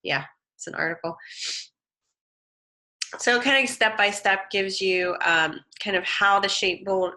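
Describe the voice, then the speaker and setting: Sick with a head cold, this woman teaches design in a live online lecture, demoing on screen while sounding nasal and sniffly. Her mid-range voice comes out pushed and bright, a little slow, with long pauses. The delivery is chatty and casual, with lots of fillers and restarts as she corrects herself.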